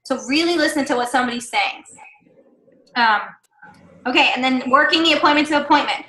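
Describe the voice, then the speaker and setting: A woman's voice: sits high, a little fast, sharp tone, reverberant, poor audio. A woman giving chatty, encouraging sales training to her team, with lots of fillers and asides. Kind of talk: casual coaching talk.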